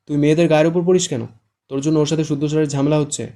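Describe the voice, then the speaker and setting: Audiobook: man doing a reproachful young male student, gravelly. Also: on the high side, fairly even intonation, rapid-fire, warm tone, lightly acted.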